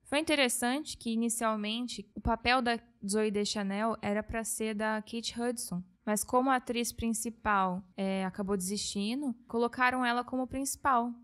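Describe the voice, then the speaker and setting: Brazilian woman co-host, higher pitch, loose conversational film review. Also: moderate pace, hardly any pauses. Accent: Brazilian Portuguese. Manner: relaxed, storytelling, playful. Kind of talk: casual film review chat.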